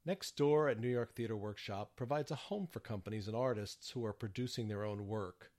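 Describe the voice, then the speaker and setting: A man reading his prepared theater reviews in a measured scripted narration. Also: lowish voice, a little mellow.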